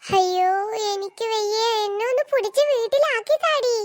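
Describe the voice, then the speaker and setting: A woman's voice: extremely high pitch, animated, normal speed, slight background noise. A woman voicing a whiny bossy big-sister cartoon girl. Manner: wailing, complaining. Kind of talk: cartoon voice acting.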